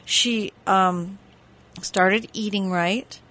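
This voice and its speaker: A woman co-hosting a casual radio show, telling stories in a chatty, animated way and often breaking into giggles. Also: medium pitch, drawn-out words.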